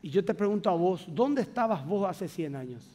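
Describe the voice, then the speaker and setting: A man's voice: high voice, expressive, moderate pace, mellow, in a large hall. A man pastor with a Paraguayan accent preaching a sermon, emphatic and conversational, speaking straight to the congregation in a large church. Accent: Paraguayan Spanish.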